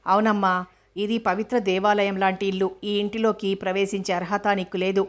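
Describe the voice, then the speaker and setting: A woman voicing a loyal, devoted housemaid who speaks softly and respectfully. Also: medium pitch, little pitch movement, a little fast, natural voice. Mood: pleading. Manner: soft, respectful pleading.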